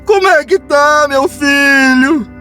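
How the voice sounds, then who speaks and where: A man's voice: very high voice, takes it slowly, bright, forceful tone, soft background music, voice pushed up, heavily acted. A man voicing a dying elderly mother in a nursing home who pleads with her son, repeating "my son" again and again. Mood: tearful pleading. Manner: pleading, repeats "meu filho".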